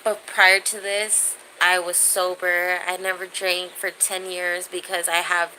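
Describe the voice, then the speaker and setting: A woman in her thirties runs a casual livestream, speaking directly to viewers, reading comments, and using slangy, profane language. Her voice is lowish and level, a little slow, with a sharp tone. It's a rough recording with faint background noise.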